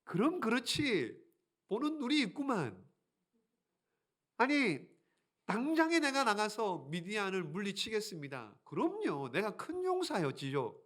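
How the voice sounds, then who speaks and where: A timid young farmer protests and pleads in a voice pushed well above the speaker's usual register, as a preacher puts him on. The figure sounds anxious and complaining, throwing one indignant question after another. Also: male voice, high voice, wildly swooping pitch, a little slow, a bit bright, pitched above the performer's own voice, full character voice. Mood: smug.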